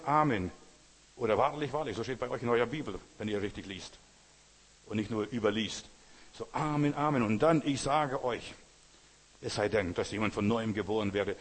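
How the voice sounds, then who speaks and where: A husky-voiced male pastor delivers a sermon with emphatic repetition, now and then breaking into loud, ringing exclamations. His voice rolls through a church hall with a long reverb tail. He speaks at a middling pitch, fervent and insistent. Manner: emphatic preaching, repeating phrases, rising to loud exclamations.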